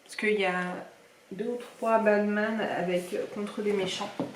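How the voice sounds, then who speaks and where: A woman's voice: mid-range voice, steady tone, unhurried, slight background noise. A young woman chatting casually in a reading vlog, rambling with lots of fillers as she shows her books. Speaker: book vlogger. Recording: echoey room, somewhat far from mic.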